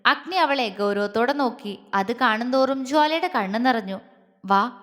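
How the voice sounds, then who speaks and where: A woman narrating a romantic family story in a steady, expressive reading. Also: fairly high pitch, normal speed. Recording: long reverb.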